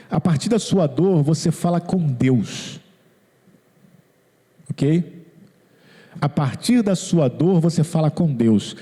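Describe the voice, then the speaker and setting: In a church hall with long reverb, a pastor with a slightly high, warm voice preaches a sermon. He's earnest, repeats his phrases, and quotes people in their own words.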